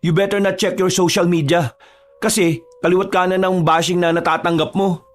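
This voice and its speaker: A man voicing a panicked teenage boy, Brenda's younger brother, in an audio horror story, with a high, strained boyish voice. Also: fairly even intonation, normal speed, faint music behind, lightly acted. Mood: teasing.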